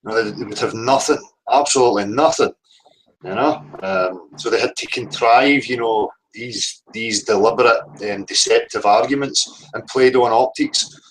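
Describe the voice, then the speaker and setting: A man's voice: medium pitch, normal speed, a little hiss or hum, low-quality recording. A man, talking emphatically on a video call and repeating points for stress. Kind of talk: casual discussion on a video call.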